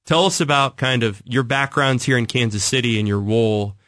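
An American talk show host introduces guests and asks questions in a conversational style. His medium-pitched voice is steady, brisk and fairly bright, recorded at studio quality with no room sound.

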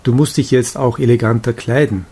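A man reading a gentle, cheerful young woman's chatty, confiding lines in an audiobook of a romantic novella. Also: medium pitch, steady tone, brisk, husky. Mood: fond.

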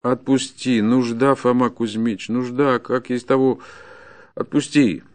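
A man voicing a desperate poor peasant man in an audiobook, pleading in a high strained voice and breaking into furious shouts. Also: fairly even intonation, a little slow, close to an everyday voice. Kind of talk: audiobook character voice.

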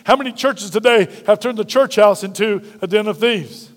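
A man with a notably high voice delivers an emphatic sermon from the front of a church. His lines ring out with a long reverb from the sanctuary. He repeats key phrases and asks the congregation to say them back. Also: normal speed. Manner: emphatic, repetitive preaching with call-and-response. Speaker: pastor. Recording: reverberant hall.

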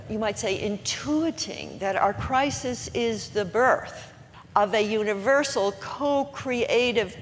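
A woman in her eighties giving an earnest, inspirational talk to an audience, slowing down to stress her key words. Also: mid-range voice. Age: 80s. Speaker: speaker at a gathering. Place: large room with an audience. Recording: long hall reverb, faint room noise.

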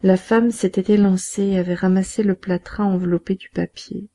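A woman reading a classic novel aloud as an audiobook narrator, steady and measured. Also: medium pitch.

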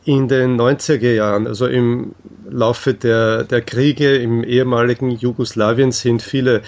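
In this interview, a man with an average-pitched voice explains things slowly and haltingly, hesitating often. His delivery is flat and his tone darkish, and the recording sounds lo-fi.

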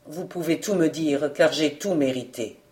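A woman voicing a grieving foreign woman who speaks low, grave and measured. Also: a little mellow, natural voice. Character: grieving middle-aged foreign woman, stern then softening.

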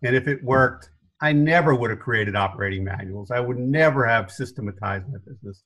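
A middle-aged man with a faded New York accent, a business consultant guest on a podcast interview, talks a little fast in a medium-pitched, slightly bright voice. He tells stories, laughs often, and punches up his asides.

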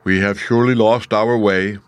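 A man's voice: fairly low pitch, expressive, moderate pace, no room sound. Man playing grumbling, exclamatory Scarecrow. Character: grumbling, brainless-feeling scarecrow.

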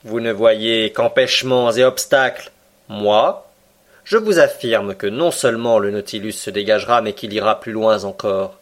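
A man reading the lines of a calm, ironic submarine captain in a French audiobook, slow and measured. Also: on the low side, lightly acted. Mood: cool, ironic. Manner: cool, measured, slow and deliberate.

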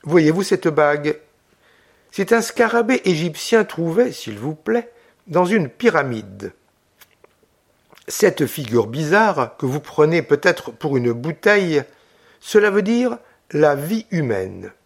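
A man's voice: a little high, very animated, slow, creaky, full character voice. A man voicing a teasing young English lady. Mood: earnest. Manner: playful teasing, lightly mocking. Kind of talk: audiobook character reading.

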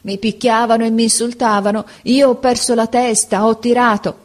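A woman's voice: a little high, little pitch movement, moderate pace, pitched above the performer's own voice, natural voice. A woman voicing a tearful bullied schoolboy. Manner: pleading, raised tearful voice.

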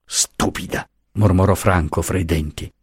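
Raspy man reading a novel aloud. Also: on the low side, normal speed, dry recording, clean studio sound. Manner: expressive, dramatic reading. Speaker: audiobook reader. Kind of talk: literary audiobook narration.

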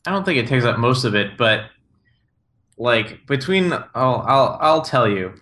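A man co-hosting a casual tech podcast, chiming in with quick, teasing remarks. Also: mid-range voice, expressive, bright, forceful tone. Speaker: podcast co-host.

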